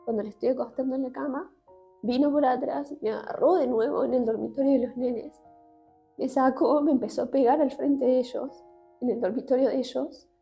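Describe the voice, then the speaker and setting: A woman with an Argentine accent gives an emotional personal testimony in an interview. She speaks haltingly, with many restarts and fillers. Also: high-pitched, fairly even intonation, vocal fry, dark tone, faint music behind. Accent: Argentine Spanish.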